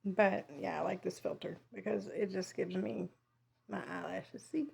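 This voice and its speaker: A woman's voice: medium pitch, steady tone, normal speed, gravelly, a little mellow, slightly rough. A woman chatting casually in a vlog while eating, chewing as she talks in a rambling, self-interrupting way. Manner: chewing food while talking; rambling, self-interrupting, chuckling between phrases. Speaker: vlogger.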